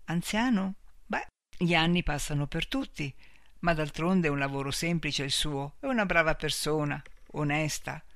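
A man's voice: a little high, normal speed, fairly bright tone, no room sound, studio quality. A man voicing a polite young woman shopkeeper who is easily upset, speaking in a raised, fluttery voice for an audiobook. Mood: chatty.

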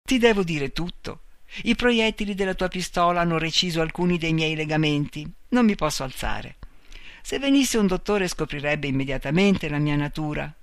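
A man voicing a soft-spoken robot lover. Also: fairly high pitch, moderate pace, no echo, studio quality. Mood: pleading. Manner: calm, tender, pleading. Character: gentle male robot double, soft-spoken and loving.

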